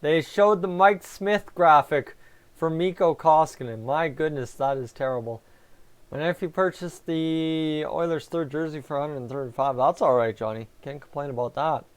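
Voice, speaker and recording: A man's voice: fairly high pitch, moderate pace, smooth. A man hosting a live hockey fan reaction stream, chatting casually and answering viewers while talking with a sore, raw tongue. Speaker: fan livestream host.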